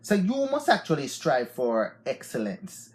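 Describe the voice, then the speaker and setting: A man's voice: medium pitch, huge pitch swings, a little slow. A man in his forties with a Jamaican accent who hosts an unscripted live stream and gives motivational talk in a loose, repetitive way, often saying "yeah, man". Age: 40s.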